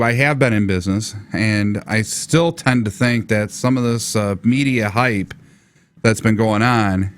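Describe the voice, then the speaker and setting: A middle-aged man with a stuffy nose from allergies, hosting a casual live tech talk show from his basement studio and rambling with many fillers and restarts. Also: mid-range voice. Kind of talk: casual live radio-style chat.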